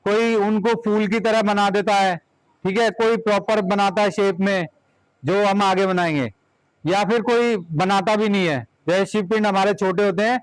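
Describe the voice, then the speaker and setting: Male teacher, high voice, brisk repeated classroom instructions. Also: fairly even intonation, no echo, low-quality recording. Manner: directive, repeats short commands.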